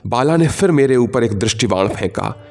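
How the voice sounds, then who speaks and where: A man narrating a literary short story in the first person, in a measured, literary reading with quiet emotional shifts. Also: mid-range voice, lively intonation.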